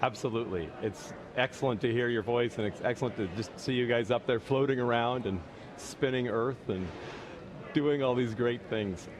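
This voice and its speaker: A man's voice: mid-range voice, moderate pace, crowd noise. A man giving live remarks and putting questions as a company representative at an event. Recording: noisy live link with ambient hum.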